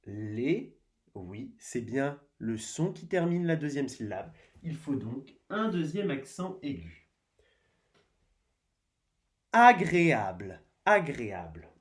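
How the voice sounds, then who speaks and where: A man teaching a spelling lesson to young children, slow and deliberate, sounding out syllables and letters one by one. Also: medium pitch, very animated. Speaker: primary school teacher.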